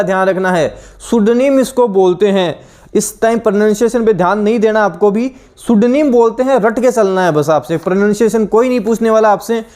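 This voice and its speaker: High-voiced Indian man drilling vocabulary. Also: a little mellow. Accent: Indian English. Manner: drilling repetition, rhetorical questions, slow deliberate reading of definitions. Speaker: exam-prep teacher. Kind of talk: online exam-prep lesson.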